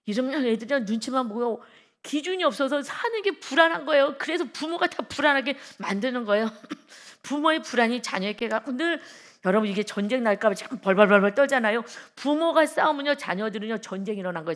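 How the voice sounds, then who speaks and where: A woman pastor preaching an early-morning sermon with emphasis, reading scripture slowly and loudly and asking her listeners direct questions. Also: a little high. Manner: vivid sound words and direct questions to the congregation.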